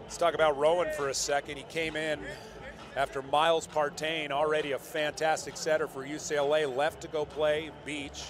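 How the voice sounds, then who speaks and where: An older man doing lively play-by-play sports commentary, excitable and joking as he calls the action. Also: a little high. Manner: excitable, jokey, quick corrections. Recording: broadcast commentary over loud arena crowd.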